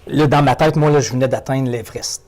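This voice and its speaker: Man, Québécois accent, rapid speech, emphatic and repetitive, motivational speaker in an interview. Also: medium pitch, steady tone, a little mellow. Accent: Québécois French. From Quebec. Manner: emphatic, repeats words and phrases for effect. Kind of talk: animated interview talk.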